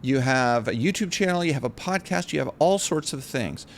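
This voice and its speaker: A man's voice: mid-range voice, lively intonation, normal speed, a little hiss or hum. A man hosting a podcast, introducing his guest and musing in a loose, rambling way with many restarts. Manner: reflective, rambling, restarts phrases. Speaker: podcast host. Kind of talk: casual podcast interview.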